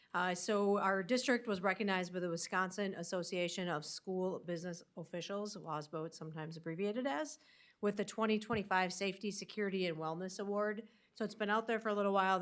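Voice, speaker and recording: A woman's voice: fairly low pitch, a bit bright. A woman with a nasal voice from a winter cold, giving a superintendent's upbeat update at a school board meeting. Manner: upbeat, with many fillers.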